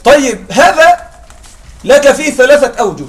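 A man's voice: extremely high pitch, sing-song, moderate pace, a bit bright. A man teaching a classroom lesson on Arabic morphology. He keeps checking that his students follow and asks questions, then answers them himself.

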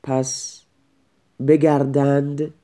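A man giving a recorded grammar lesson, reading example lines slowly and then explaining them word by word. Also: mid-range voice, level tone, dark tone. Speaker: Arabic grammar teacher.

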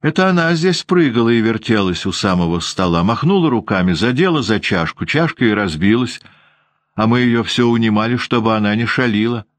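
A man's voice: lowish voice, animated, fairly quick, no room sound, pitched above the performer's own voice, natural voice. A man voicing a prim, preachy schoolgirl telling tales in a storybook reading. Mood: tattling.

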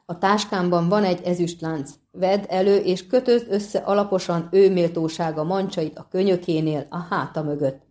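A woman voicing Geralt, a stern male witcher swordsman who gives calm, clipped orders in a lowered voice. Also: few pauses, natural voice. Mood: calm commanding.

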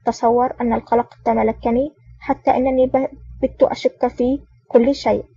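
A woman's voice: fairly high pitch, level tone, normal speed, mellow, husky, dry recording, far from the mic. A woman reading the lines of an anxious young female lieutenant in an audiobook. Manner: nervous, worried. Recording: dull lo-fi audio.

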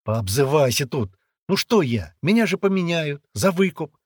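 A man's voice: on the high side, big pitch swings, normal speed, a little mellow, breathy edge, no room sound, voice pushed up. A man reading aloud and voicing a hot-headed, loyal young boy held captive, who blurts and hisses in agitation. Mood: agitated.

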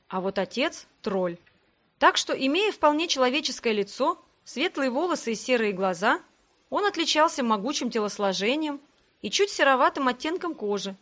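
A woman narrating a fantasy audiobook in the first person, in an even storytelling manner. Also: high-pitched.

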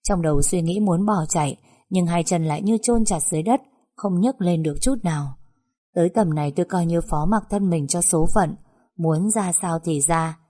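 A woman's voice: fairly low pitch, normal speed, mellow. A woman narrating a story in the first person, recounting in a tense, breathless way.

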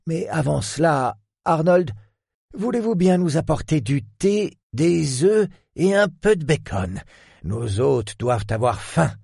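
Old lord in his eighties, put on by a male narrator, enigmatic, patronizing, very husky, slow, low. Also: a little mellow, no echo, clean studio sound, exaggerated voice. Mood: grave, mysterious. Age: 80s. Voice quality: sepulchral, gravelly, husky. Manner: slow, solemn and mysterious. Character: octogenarian millionaire lord, grave, enigmatic, patronizing. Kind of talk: audiobook character voice.

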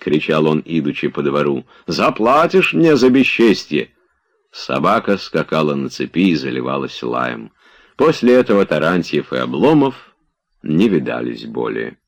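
A man narrating a classic novel as an audiobook, in a measured storytelling manner. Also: very deep voice, very animated, gravelly. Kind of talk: scripted literary narration.

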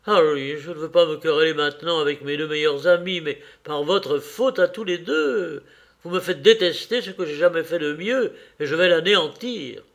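Man reading as an earnest painter dude, worried, gravelly voice. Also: on the high side, normal speed, pitched above the performer's own voice. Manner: earnest, urgent. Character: devoted earnest male painter, anxious friend.

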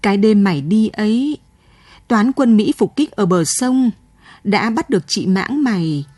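A woman's voice: mid-range voice, expressive, unhurried, darkish tone, dry recording. A woman voicing a grieving old village mother. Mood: mournful. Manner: tearful, pleading.

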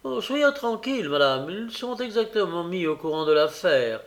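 A man's voice: medium pitch, sing-song, slow pace. A man voicing a pompous, harsh male parish beadle in an audiobook, blustering and authoritative. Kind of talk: audiobook character voice.

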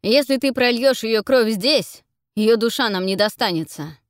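A woman voicing a male villain, an angry hunter commander who shouts harshly in an audiobook. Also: on the high side, a little slow, dry recording, studio quality, voice pushed up, lightly acted. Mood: furious. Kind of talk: audiobook reading.

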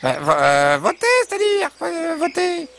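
Dithering farmyard hens from a bedtime audio story, voiced by a woman, with very high voices and a gravelly edge. They hesitate, stammer and fill every pause with little filler sounds as they fret over what to do. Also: wildly swooping pitch, a little hiss or hum, full character voice. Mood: flustered. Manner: hesitant, full of "bah" and "euh". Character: three fussy, flustered farmyard hens.

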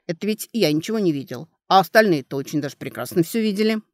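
A woman voicing an eager young man who talks in an excited, rushed way, in an audiobook. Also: on the low side, no echo, studio quality, close to an everyday voice.

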